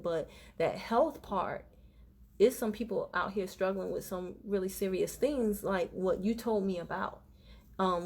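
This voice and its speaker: A woman with a low voice hosts a live video chat. She asks her guest questions in a casual, encouraging way. She talks in bursts and often restarts her sentences. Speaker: host of a live stream. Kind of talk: casual interview.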